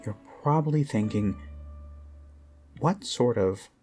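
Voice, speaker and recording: Voicing an obsessive male yandere captor, a gushing, self-abasing zealot, a man delivers an intimate ASMR roleplay monologue in a mid-range, expressive, slightly rough voice. Slow and halting, he swings from hushed murmurs to pointed emphasis, brooding and intimate, menacing yet adoring. Music plays under his close-miked voice.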